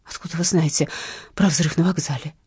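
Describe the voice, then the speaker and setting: A woman voicing a sharp-tongued, defiant young heroine who answers bluntly and rudely in an audiobook. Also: sits low, steady tone, fairly quick, husky. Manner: blunt, rude, irritable. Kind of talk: audiobook narration.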